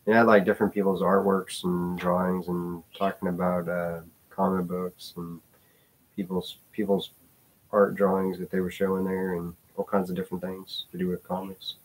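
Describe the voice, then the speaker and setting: A man's voice: low voice, level tone, moderate pace, slight background noise. A man talking casually in a rambling vlog, full of hesitations and restarts, with the odd swear word. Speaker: vlogger.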